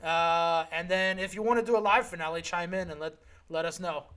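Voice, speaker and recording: Young male podcast co-host, high voice, loose joking banter. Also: brisk, a bit bright, smooth. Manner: joking, rambling, self-correcting. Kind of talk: casual chat.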